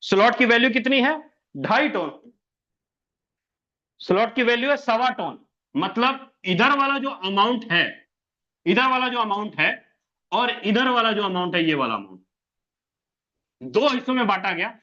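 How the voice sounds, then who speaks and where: A man's voice: high-pitched, animated, normal speed, long pauses, pushed and bright, muffled recording. A man presenting a plan, walking through a diagram step by step, repeating points and asking and answering his own questions. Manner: repetitive, asks and answers own questions, says "sir". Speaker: presenter explaining an income plan. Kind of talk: explanatory walkthrough of a diagram.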